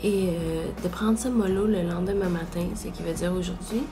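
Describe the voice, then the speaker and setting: A woman's voice: fairly low pitch, fairly even intonation, normal speed, music in the background. A woman with a Quebec French accent talking casually and candidly to her vlog viewers. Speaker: vlogger.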